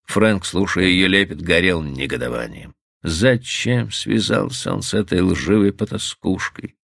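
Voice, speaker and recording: A man narrating a novel aloud with expressive storytelling. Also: sits low, a little slow, vocal fry, no echo, studio quality. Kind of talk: audiobook narration.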